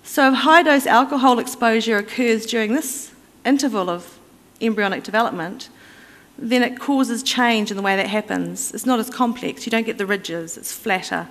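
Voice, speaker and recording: A woman's voice: a little high, normal speed, a bit bright. Woman lecturing in a reverberant hall. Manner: explanatory, conversational, with fillers and restarts. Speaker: conference speaker. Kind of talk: conference presentation. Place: conference hall.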